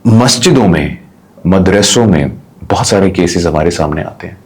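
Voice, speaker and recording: Male podcast host, passionate and forceful, slightly low voice. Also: lively intonation, moderate pace. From Pakistan. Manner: impassioned, mixes English into Urdu. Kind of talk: podcast discussion.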